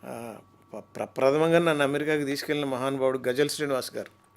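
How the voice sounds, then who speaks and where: A man, a mimicry artist, telling stories in an animated, talkative way during an interview. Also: mid-range voice, fast talker, vocal fry, smooth. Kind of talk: interview chat.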